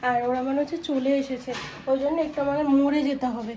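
A woman's voice: high-pitched, fairly even intonation, fast talker, dark tone, poor audio. A woman chatting casually to her viewers in a home vlog, often cooing fondly at a small child. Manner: chatty, fond baby talk to a child. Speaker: vlogger.

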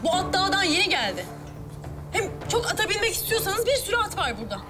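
An actress playing Zeynep, a proud young woman who stands her ground with sharp, firm words. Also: very high voice, sing-song, quick pace, over music. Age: young adult. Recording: TV drama with loud score underneath.

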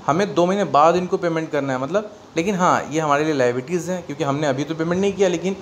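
A man with an Indian accent teaching an accountancy lesson, explaining step by step and asking and answering his own questions. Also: fairly high pitch. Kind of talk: classroom lecture mixing Hindi and English. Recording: faint background noise.

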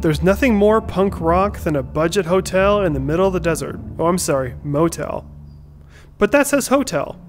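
A man's voice: a little high, moderate pace, few pauses, a little hiss or hum. A man hosting a gaming video, giving casual, chatty playthrough commentary and reading screen text aloud. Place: indoor room at home. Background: game music.

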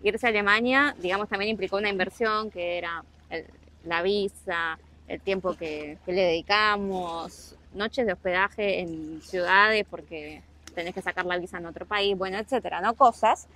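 Talking fairly quickly in a mid-range, fairly bright voice, a young travel vlogger from Argentina explains working abroad to camera with lots of asides, in a Rioplatense accent. She's outdoors on rocks by the sea, later a harbor, and the recording is rough.

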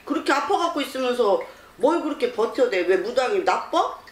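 A woman's voice: a little high, big pitch swings, moderate pace, reverberant. A woman shaman fortune teller bluntly counseling a client, scolding her and pressing with rhetorical questions.

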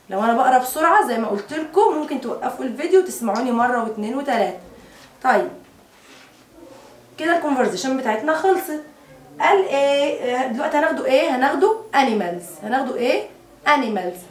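Egyptian woman, children's English teacher, high voice, slow drilling, echoey room. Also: expressive, recorded from a distance. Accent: Egyptian Arabic. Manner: drills English words slowly, quick Arabic explanations. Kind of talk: children's lesson, explaining in Arabic.

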